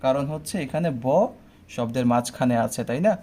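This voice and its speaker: A young Bangladeshi man gives an online pronunciation lesson for an admission test, walking through the rules step by step and often asking "ঠিক আছে?" to check in with students. His voice is mid-range and dark-toned, and he talks a little fast.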